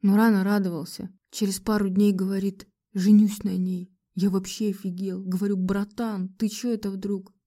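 A woman's voice: medium pitch, flat delivery, normal speed, few pauses, mellow, lightly acted. A woman voicing a young man, a blunt, caring friend who retells gossip in casual slang, read for an audiobook. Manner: chatty, loose spoken retelling. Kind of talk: audiobook reading.

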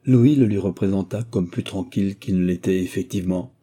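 A man narrating a classic novel as an audiobook, reading in a measured, steady way. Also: low-pitched.

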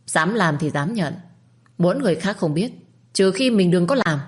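Woman reads icy, defiant young wife; fast, cutting replies. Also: fairly low pitch, lively intonation, a little mellow, slightly rough. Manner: cutting, rapid retorts.

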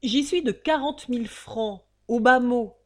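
A woman voicing a greedy, irritable older male banker who rants loudly and scornfully in a storybook reading. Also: a little high, unhurried, voice pushed up, close to an everyday voice. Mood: grumbling. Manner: loud, ranting and scornful.

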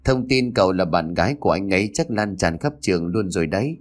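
A man's voice: deep voice, lively intonation, a little fast. A man voicing a loyal, teasing male school friend in a read-aloud story.

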